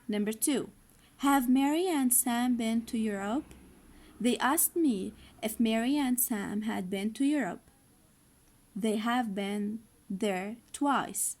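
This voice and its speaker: Woman teaching English slowly. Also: on the high side, a little mellow. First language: Arabic. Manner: reads each English line slowly, then explains it in Arabic. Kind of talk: recorded online lesson.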